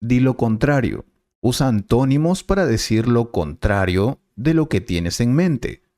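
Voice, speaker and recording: A man as a Spanish teacher, explaining clearly and patiently in a scripted lesson dialogue. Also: mid-range voice, lively intonation, measured pace, warm tone, no echo, studio quality.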